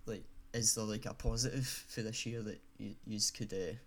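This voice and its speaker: A man's voice: fairly low pitch, steady tone, moderate pace. A Scottish man co-hosting a casual podcast chat, jokey and teasing, laughing often. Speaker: podcast co-host.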